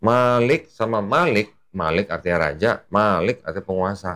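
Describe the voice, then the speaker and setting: Man, very deep voice, casual preacher, patient explaining, slangy fillers. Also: lively intonation, moderate pace, fairly bright tone. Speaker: Islamic preacher.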